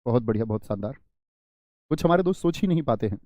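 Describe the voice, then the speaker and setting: This online Hindi grammar teacher has a medium-pitched, mellow voice and speaks animatedly at a quick pace, with no room sound. He calls his students friends and talks straight to them, stretching and stressing individual words for emphasis and slipping in preachy asides.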